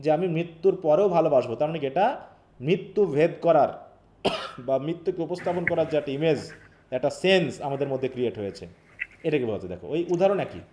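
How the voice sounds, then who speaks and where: Fast-talking, mellow Bangladeshi teacher. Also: male voice, on the high side, expressive, a little hiss or hum. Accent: Bangladeshi Bengali. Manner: explains patiently, asks checking questions. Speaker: English teacher. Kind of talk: online live revision class.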